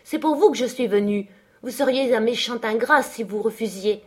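A woman's voice: a little high, moderate pace, breathy edge, voice pushed up. A woman doing a defiant young heroine. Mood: pleading. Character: spirited, strong-willed young woman.

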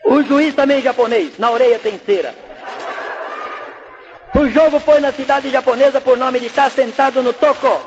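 A man playing a frantic old-time radio football commentator in a comic skit, rattling off tongue-twisting nonsense deadpan. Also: very high voice, normal speed. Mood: rapid patter. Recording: dull lo-fi radio recording, faint noise.

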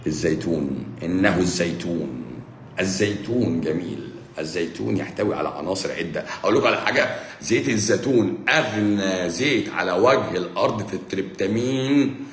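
A man with an Egyptian accent, a doctor answering viewers' comments on a live stream in a joking, teasing, brisk manner. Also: low-pitched. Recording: roomy echo, faint background hum.

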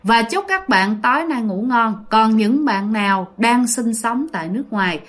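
A woman's voice: fairly high pitch, animated, normal speed, fairly bright tone. A woman who tells ghost stories in a chatty, casual way and talks straight to her listeners. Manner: chatty, addresses listeners directly, many fillers. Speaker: ghost story narrator. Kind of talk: casual storytelling.

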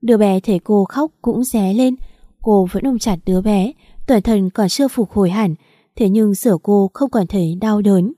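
A woman narrating a romance novel as an audiobook, steady and emotive. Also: mid-range voice, moderate pace, no echo, clean studio sound.

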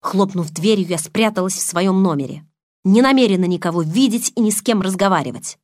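A woman's voice: medium pitch, brisk, darkish tone, dry recording, studio quality. A woman reading a first-person novel aloud as an audiobook narrator, voicing the characters' lines herself with tense expression.

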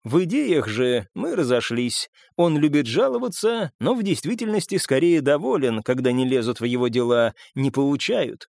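A man's voice: mid-range voice, animated, moderate pace, gravelly, hardly any pauses, a little mellow, no echo, clean studio sound. A man voicing a polished, sardonic young male courtier who speaks with guarded courtesy in an audiobook. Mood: courteous.

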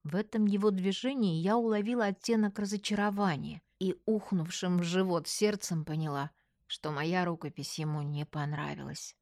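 A woman reads a first-person story aloud in an expressive, measured way. Her voice sits on the low side, recorded close and dry. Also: no room sound. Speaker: narrator.

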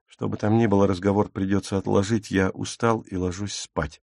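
A man's voice: lowish voice, fairly even intonation, a little fast, creaky, a little mellow, no echo, studio quality. A man reading an audiobook, voicing a sober, irritable young man who speaks tersely. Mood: weary.

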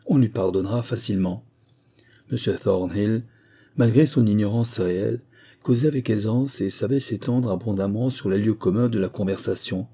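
Husky, dark-voiced male narrator. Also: on the low side. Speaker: audiobook narrator. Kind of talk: scripted literary narration.

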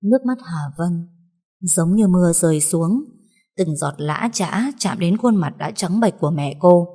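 Warm, husky-voiced woman narrating a tragedy. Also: lowish voice, expressive. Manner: measured, somber storytelling. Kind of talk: dramatic story narration. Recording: long reverb.

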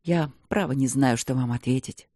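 A woman's voice: rumbling low, normal speed, mellow, no room sound, clean studio sound, pitched below the performer's own voice. A woman voicing a middle-aged prince consort who speaks formally and reluctantly.

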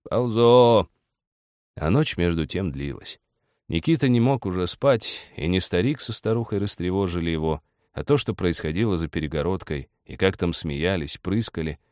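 A man's voice: deep voice, animated, moderate pace, no room sound, clean studio sound. A man reading a literary short story aloud as an audiobook narrator. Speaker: audiobook reader.

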